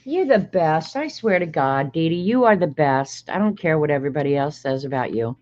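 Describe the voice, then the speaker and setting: This woman in her sixties speaks low, brisk, and animated, with a darkish tone, as she chats casually through opening her mail on a livestream. She thinks out loud and laughs often, captured in slightly dull lo-fi stream audio.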